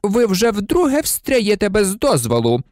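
Reader doing icy male professor, silky voice, slow menacing drawl, storybook reading, swooping pitch, dry sound. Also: huge pitch swings, a little mellow, no room sound. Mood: cold sneering. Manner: icy, contemptuous.

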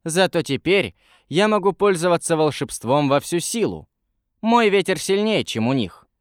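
A young sorceress girl, soft-spoken and thoughtful, tired yet set on her task, as a male narrator puts her on. The voice sits well above his own, with lively swings of intonation. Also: a little high, normal speed, clean tone, dry recording, clean studio sound, pitched above the performer's own voice.

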